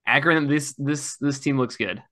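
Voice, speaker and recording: A man's voice: mid-range voice, normal speed, pushed and bright. A young man co-hosting a sports podcast, joking and bantering in casual chat. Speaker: podcast co-host.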